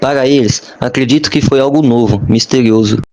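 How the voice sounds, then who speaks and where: A young man playing an earnest Portuguese ship hand, remembering the voyage with a slightly halting delivery on a school podcast. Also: mid-range voice, darkish tone, close to an everyday voice. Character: male Portuguese ship maintenance sailor, earnest. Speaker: interviewee. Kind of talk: school podcast role-play.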